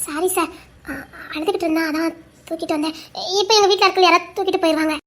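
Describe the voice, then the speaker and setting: A woman's voice: very high voice, steady tone, fast, a bit bright. A woman with a Tirunelveli Tamil accent playing a dutiful young policewoman and mother who pleads and protests in a comedy skit. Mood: apologetic.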